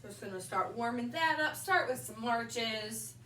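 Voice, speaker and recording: Her voice is fairly high, expressive and sharp-toned, a little nasal from allergies, as this young woman leads a balance exercise class and shows each move. She gives upbeat instructions with short pauses in between. Recorded by a distant tripod camera in a big indoor wellness room with a wooden floor, the sound is echoey, with slight background noise.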